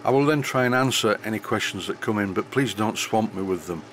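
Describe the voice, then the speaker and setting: An older man with a softened northern English accent, narrating an unscripted workshop tutorial voice-over in a relaxed way with a slight stutter, into a high-end studio microphone. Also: brisk, slight background noise. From northern England. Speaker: model engineering tutor.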